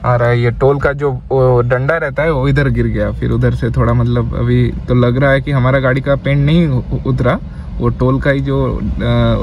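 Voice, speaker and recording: A man giving casual, matter-of-fact road-trip updates while travelling in a car, talking in a relaxed, chatty way. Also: mid-range voice. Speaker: travel vlogger. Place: inside a moving car on a highway. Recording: dull lo-fi car recording, loud road noise. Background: loud road and engine noise.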